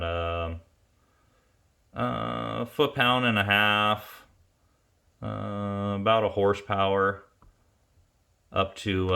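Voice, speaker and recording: A low-voiced, creaky man with a sharp tone, an ATV engine tuner and presenter, talks through technical results in an informal, unscripted product review. He speaks haltingly, pausing mid-phrase to think.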